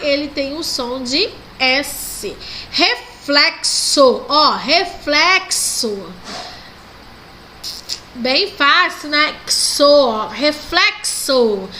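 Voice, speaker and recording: A woman with a Brazilian Portuguese accent teaches a recorded primary school lesson, stretching out example words and checking in with the children. Her voice sits high and bright. A faint hiss of noise runs under the recording. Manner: slow, patient, drawing out example words and checking with "ok?" and "né?". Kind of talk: recorded online class correcting textbook exercises.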